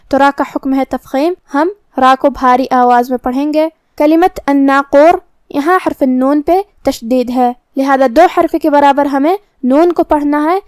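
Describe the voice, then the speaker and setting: A woman teaching Quran recitation, explaining each letter's pronunciation slowly and precisely. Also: sits high, a little mellow, no room sound. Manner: slow, careful, precise articulation. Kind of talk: tajweed lesson, explaining letter by letter.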